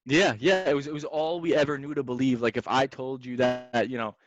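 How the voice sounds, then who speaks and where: A young man, a real estate investor, telling stories in a casual podcast chat, slangy and lively, calling people "man" and "dude". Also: medium pitch, fairly quick. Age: young adult. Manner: animated, slangy, says "man" and "dude" often. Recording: dry, slightly dull sound.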